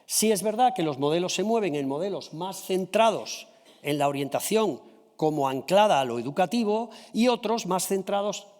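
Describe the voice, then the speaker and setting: A man giving a formal conference presentation of a study. He addresses the audience politely and checks in often with a quick "¿sí?" or "¿vale?". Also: sits high, animated, darkish tone, big-room sound.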